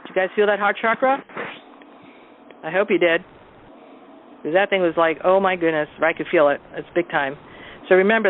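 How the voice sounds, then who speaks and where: On a teleconference call, a woman whose voice sits on the low side informally leads listeners through a guided sound exercise, checking in with them often. Her telephone audio is muffled and narrow, with a little hiss or hum.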